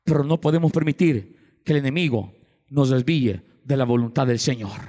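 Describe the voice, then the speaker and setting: A man's voice: mid-range voice, moderate pace, dark tone. A male pastor with a Salvadoran Spanish accent, preaching an impassioned sermon and calling out to the congregation with repeated refrains. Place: large church sanctuary. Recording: long reverb of a church hall.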